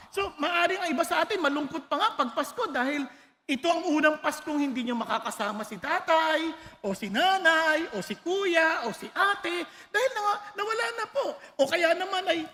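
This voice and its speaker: A man preaching a lively sermon, switching freely into English and pushing his voice up for emphasis. His voice sits very high and sounds bright and forceful. The sound rings with the long reverb of a large church hall. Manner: animated, mixes English into Filipino, shouts and laughs for emphasis.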